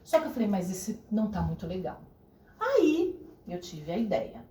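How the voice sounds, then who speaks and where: A woman's voice: medium pitch, moderate pace, slight background noise. A middle-aged woman, a podcast guest, telling a story in casual conversation and acting out the voices in the dialogue she quotes. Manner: animated, acts out quoted dialogue. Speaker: podcast guest, pole dance entrepreneur. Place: theater studio. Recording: echoey room, mic at a distance.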